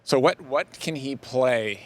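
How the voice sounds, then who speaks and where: A man's voice: medium pitch, slow pace, slight background noise. Man, interviewer, playful, joking, mid-range voice. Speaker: interviewer, host. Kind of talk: casual interview.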